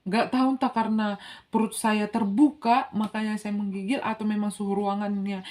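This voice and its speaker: A woman's voice: level tone, brisk, darkish tone. A young adult woman chatting casually about giving birth, acting out the doctors' and her own words in quoted dialogue. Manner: chatty, acts out quoted dialogue with pitch jumps. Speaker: mother sharing a birth story. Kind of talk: casual storytelling vlog.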